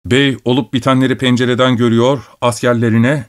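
A man narrating a folk tale in a steady, measured reading voice. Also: medium pitch.

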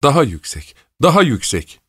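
A man's voice: on the low side, big pitch swings, normal speed, no echo, studio quality, pitched above the performer's own voice. A man voicing an imperious, fussy old countess who scolds and orders people about in an audiobook. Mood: scolding. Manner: scolding, peevish, bossy. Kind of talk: audiobook character voice.

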